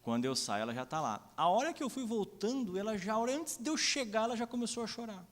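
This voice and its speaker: Brazilian pastor telling stories in a reverberant church. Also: male voice, sits high, very animated, fast talker. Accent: Brazilian Portuguese. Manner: storytelling, acts out dialogue, many "né?" asides. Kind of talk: sermon with personal stories. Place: church sanctuary. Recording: long reverb of a church hall.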